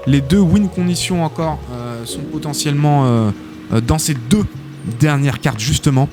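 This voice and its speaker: A man casting a live esports tournament as host, excitable and chatty, full of filler interjections. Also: fairly high pitch, normal speed. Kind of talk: live game commentary. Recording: game music behind the voice. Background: game music.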